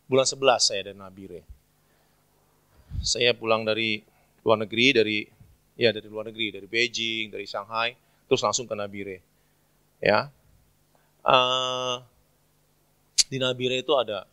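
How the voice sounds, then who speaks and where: Lively, bright-voiced male pastor. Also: lowish voice, no echo. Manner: chatty, animated, asks the congregation for agreement often. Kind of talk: lively storytelling sermon. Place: church service.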